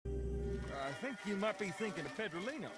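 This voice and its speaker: A man voicing a lively, easily put-out puppet neighbor in a storybook record. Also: sits high, normal speed, over loud music. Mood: puzzled, indignant.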